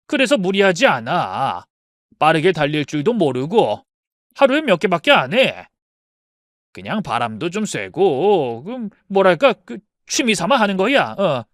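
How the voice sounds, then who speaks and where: A man acting out a cheerful, stubborn retired father, coaxing and fond in a narrated story drama. His voice sits fairly high for a man and swings widely in pitch. The sound is close and dry. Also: huge pitch swings, a little slow, fairly bright tone, no echo, exaggerated voice. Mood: reassuring.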